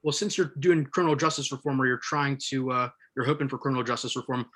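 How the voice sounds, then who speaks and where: A man's voice: mid-range voice, fast talker, bright, forceful tone. A man asking questions as an interviewer in a conversational style.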